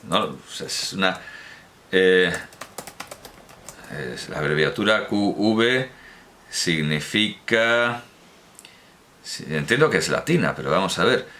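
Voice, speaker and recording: A man's voice: low-pitched, expressive, takes it slowly, long pauses, sharp tone, a little hiss or hum. Rambling man. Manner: rambling, self-correcting, with many fillers and restarts. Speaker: podcast host. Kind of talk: unscripted spoken analysis.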